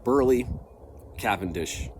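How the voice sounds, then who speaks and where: A man giving a casual, rambling product review, thinking aloud haltingly with trailing pauses. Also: medium pitch, animated. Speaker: pipe tobacco reviewer. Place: outdoors in a light breeze. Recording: breezy outdoor vehicle-like background noise.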